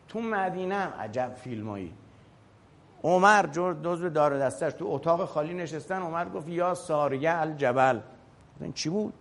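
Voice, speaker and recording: A man giving a religious lecture to an audience, telling stories in a lively, colloquial way, asking rhetorical questions and addressing his listeners directly. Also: fairly high pitch. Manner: animated storytelling with rhetorical questions and acted quotes. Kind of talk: sermon-style lecture to an audience.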